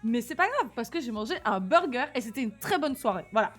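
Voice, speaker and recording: A woman's voice: fairly high pitch, sing-song, fairly quick, fairly bright tone, faint music behind. A young woman with a slight lisp and slushy s sounds, chatting casually and animatedly in slang as she livestreams. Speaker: live streamer.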